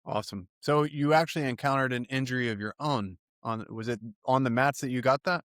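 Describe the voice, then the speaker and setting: A man's voice: mid-range voice, a little fast, fairly bright tone, no echo, studio quality. A man in his late forties hosting a podcast, asking short, loose questions. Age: 40s. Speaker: podcast host. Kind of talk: casual interview questions.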